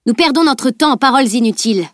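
A woman voicing a stern, decisive warrior woman who speaks in brisk commands, in an audiobook. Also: fairly high pitch, no echo, studio quality, lightly acted. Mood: commanding.

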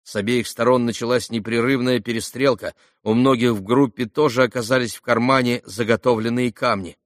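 Dude reading a novel aloud, steady and measured, dead dry mic. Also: male voice, medium pitch, no room sound. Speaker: audiobook narrator. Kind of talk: literary audiobook narration.

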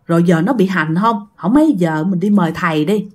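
Lady putting on older village folk, lower and hushed, spooked, ghost story. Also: lively intonation, brisk. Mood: fearful.

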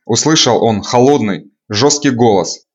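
A man reading a dark thriller audiobook aloud at a mid pitch, measured and dramatic. His delivery is steady and clear. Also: muffled recording. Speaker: audiobook narrator. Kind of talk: scripted audiobook narration.

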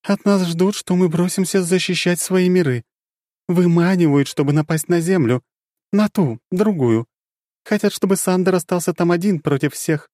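Sly dark goddess, as a man puts her on. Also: fairly high pitch, expressive, normal speed, no room sound, studio quality, pitched above the performer's own voice, natural voice. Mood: grave. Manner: teasing and giggly, turning grave. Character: playful, sly, powerful dark goddess woman. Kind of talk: audiobook character voice.

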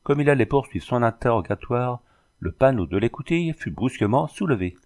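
A man narrating a novel as an audiobook in a steady storytelling way. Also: mid-range voice, brisk.

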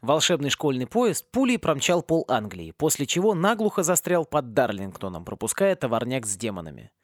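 A man narrating a comic fantasy audiobook in an expressive reading. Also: medium pitch, a little fast, no echo, studio quality. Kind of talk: scripted narration.

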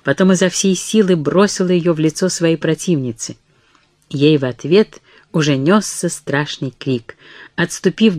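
A narrator giving a steady, measured audiobook reading of a historical novel, voicing the dialogue quietly. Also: medium pitch, dry recording.

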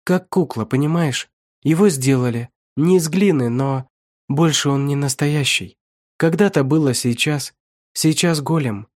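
A man's voice: fairly high pitch, a little mellow, dry recording, studio quality, voice pushed up, natural voice. A man voicing a tearful, frightened young woman. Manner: halting, tearful, stammering. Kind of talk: audiobook reading.

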